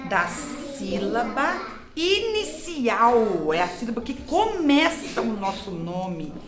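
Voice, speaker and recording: Woman teacher, high lively voice, classroom game, roomy noisy recording. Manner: slow, coaxing, questioning children. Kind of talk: leading a classroom syllable game. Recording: echoey classroom with background noise.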